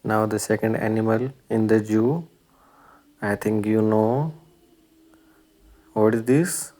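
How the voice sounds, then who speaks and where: Here a male presenter of a kids' learning video narrates a simple lesson in short phrases, often asking his young listeners questions. His pitch is fairly low, his tone steady and warm, and he keeps a slow pace.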